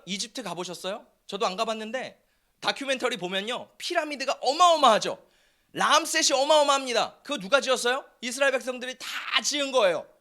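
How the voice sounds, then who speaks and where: A man's voice: very high-pitched, sharp tone. A man preaching a sermon as pastor, asking the congregation questions as he goes.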